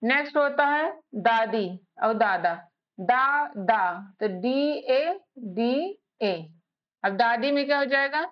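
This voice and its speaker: A woman teaching a spelling lesson, spelling out letters one by one in a slow, patient way. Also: sits high. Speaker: English teacher. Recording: slightly dull lo-fi recording.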